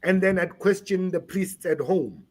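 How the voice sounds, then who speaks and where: A man from South Africa talks through his story at an unhurried pace. His voice sits a little high for a man, and he often repeats a word while he searches for the next one. He is a podcast guest answering questions. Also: darkish tone. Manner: slow, hesitant, repeats words while searching for them. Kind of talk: podcast interview.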